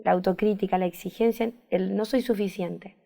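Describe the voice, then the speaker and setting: A woman with a Rioplatense Spanish accent and a gravelly, fry-tinged voice, talking as a therapist in an interview. Her pitch sits at an ordinary middle height. She speaks in a reflective way, reaching for words and circling back over the same phrases. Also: fairly even intonation, normal speed, warm tone. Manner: thoughtful, searching for words, repeats phrases. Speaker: therapist guest.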